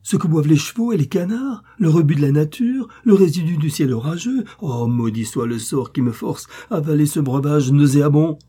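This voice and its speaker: A man voicing a furious, drunken middle-aged carpenter who shouts at his daughter. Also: mid-range voice, moderate pace, hardly any pauses, breathy edge. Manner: shouting, raging.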